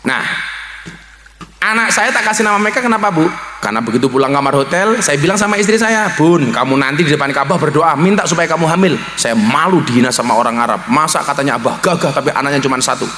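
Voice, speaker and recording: A man preaching a humorous religious sermon with a Javanese accent, joking with the audience and acting out voices with big swings in pitch. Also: expressive, fast. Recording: echoey hall with faint noise.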